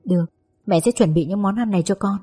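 A woman voicing a tender, doting middle-aged mother who speaks softly and soothingly in an audiobook story. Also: medium pitch, quick pace, slightly rough, close to an everyday voice. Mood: indulgent. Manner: soft and soothing.

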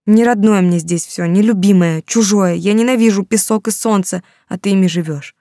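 A woman's voice: medium pitch, moderate pace, mellow, no room sound, clean studio sound, close to an everyday voice. A woman voicing a desperate young heroine who longs for freedom and pleads in a raised, tearful voice. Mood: anguished.

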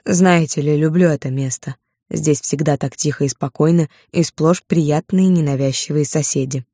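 A woman's voice: deep voice, steady tone, moderate pace, warm tone, no room sound, studio quality. A woman voicing a portly, shy, courteous middle-aged man, spoken in her own everyday tone. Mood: polite. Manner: courteous, restrained, slightly embarrassed.

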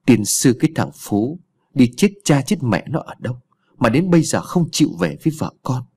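A man voicing a worn-out old peasant mother who curses and scolds rapidly, in a husky low voice. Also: expressive, darkish tone. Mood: cursing.

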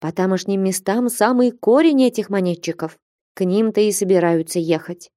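A woman's voice: mid-range voice, normal speed, warm tone, dry recording, studio quality, natural voice. A woman voicing a humble, anxious old nun treasurer in an audiobook, pleading and lamenting. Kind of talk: audiobook character reading.

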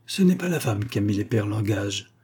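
A man voicing a sharp, self-assured young woman pawnbroker who speaks curtly and dryly. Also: on the low side, expressive, fairly quick, breathy edge. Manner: curt, dry.

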